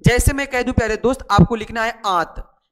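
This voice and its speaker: A man with a very high-pitched voice talks a little fast in what sounds like a large hall. It's a chatty online shorthand lesson where he writes as he explains, repeats words, and asks and answers his students' questions.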